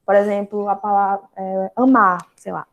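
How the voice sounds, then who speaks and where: A young woman with a Brazilian Portuguese accent teaching an online grammar lesson, explaining step by step and slowly spelling out syllables, with frequent fillers. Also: medium pitch, steady tone.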